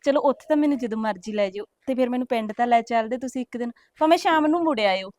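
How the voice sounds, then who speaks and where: A woman's voice: fairly high pitch, animated, fast, no room sound, studio quality, close to an everyday voice. A young woman with a Punjabi accent playing a newly married wife who coaxes and complains to her husband. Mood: coaxing. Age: young adult. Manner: soft, coaxing, complaining. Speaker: actor in a short film. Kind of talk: village short-film acting.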